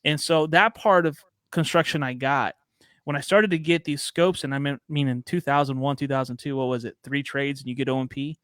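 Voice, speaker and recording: This thirtysomething guest from Chicago, USA, keeps the podcast talk casual, trading stories and easygoing slang. He has a mid-range voice that moves a little fast, captured in clean studio sound with no room echo.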